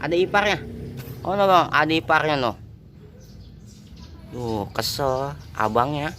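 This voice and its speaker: A man's voice: a little high, lively intonation, measured pace, pushed and bright, slight background noise. A man, chatting casually and teasingly as he scolds and coaxes his pet cats. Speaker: pet channel host.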